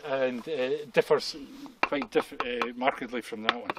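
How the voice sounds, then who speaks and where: Crowd noise surrounds a mid-range male voice speaking at a moderate pace. He's a geology guide in his fifties giving a casual outdoor explanation at a quarry rock face, repeating phrases to stress them, in a noticeably noisy recording with clicks.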